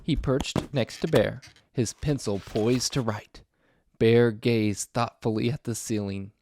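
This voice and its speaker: A man takes his time narrating a children's picture book with plenty of expression. His voice is mid-range and the recording is dry.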